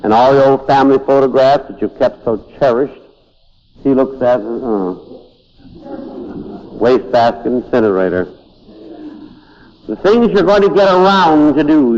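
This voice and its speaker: Guy giving a pep-talk lecture in a big hall, really lively up-and-down voice, old muffled tape sound. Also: medium pitch. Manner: emphatic, repeats words for stress. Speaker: inspirational lecturer. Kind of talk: inspirational lecture to an audience. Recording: dull lo-fi recording with long hall reverb.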